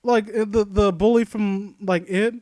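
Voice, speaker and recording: A high-pitched man with a darkish tone and fairly even intonation speaks unhurriedly on a dry recording. As host of a critique series, he mixes reading a story aloud with casual reaction commentary. His manner is sardonic and informal, with mock-supportive asides and frequent stumbles over the lines.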